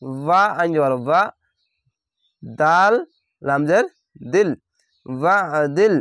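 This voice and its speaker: Man, Quran reading teacher, slightly high voice, dry close sound, letter-by-letter spelling then drawn-out recitation. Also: a bit bright, no room sound. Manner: spells each letter and vowel mark slowly, then recites the word drawn out.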